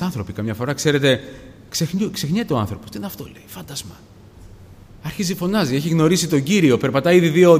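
A man preaching a sermon, addressing the congregation as brothers again and again and swinging from hushed tones to loud appeals. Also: a little high, slight background noise. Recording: long hall reverb.

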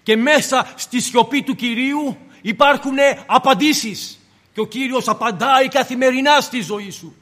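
High-voiced preacher in a reverberant hall. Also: male voice, a bit bright. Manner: impassioned, rhetorical questions, voicing the Lord and the believer. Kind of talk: sermon.

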